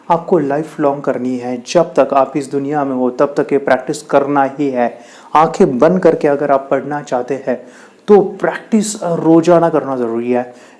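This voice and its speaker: Male meditation coach, emphatic, repetitive, storytelling, slightly higher voice. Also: darkish tone. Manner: emphatic, repetitive, counting things off. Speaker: meditation and mind power coach. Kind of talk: motivational lesson with storytelling.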